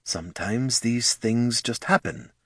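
A man's voice: medium pitch, a little slow, a bit bright, husky, no echo, clean studio sound, voice pushed up. A man voicing a nervous, fumbling spectral woman who apologizes and hedges as she delivers bad news. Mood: apologetic.

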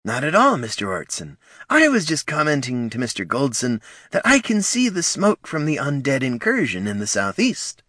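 An audiobook narrator putting on a higher, self-important voice for a pompous male tycoon. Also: huge pitch swings, moderate pace, sharp tone, no echo, studio quality, full character voice.

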